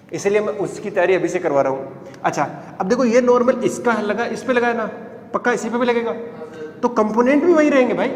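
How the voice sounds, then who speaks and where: A man's voice: high-pitched, a little mellow. A man teaching physics and coaxing his students with repeated "right?" checks. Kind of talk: classroom lecture. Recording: echoey classroom, long reverb.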